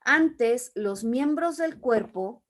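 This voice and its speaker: Woman with a high voice teaching bible study, reads verses then explains them. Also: animated, drawn-out words. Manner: reads scripture aloud, then explains with everyday examples.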